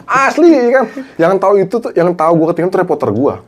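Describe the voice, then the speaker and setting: This former TV cameraman, a middle-aged man, spins an animated tale in Jakarta slang, his voice high-pitched and quick. He performs each line of quoted dialogue as he goes.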